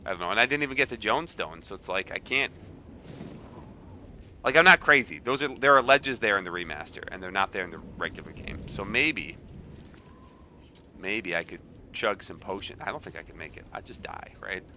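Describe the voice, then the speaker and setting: Male streamer, nasal and a little congested, joking casual chat, bright tone. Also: lowish voice, animated, a little fast, slight background noise. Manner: chatty, joking, reacting aloud. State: a bit stuffy with a cold. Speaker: game streamer.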